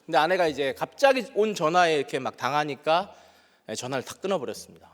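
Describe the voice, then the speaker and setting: Male pastor, higher voice, very lively pitch, acts out scenes, long church reverb. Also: quick pace. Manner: animated, acts out his own past dialogue. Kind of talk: sermon with personal storytelling. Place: church sanctuary.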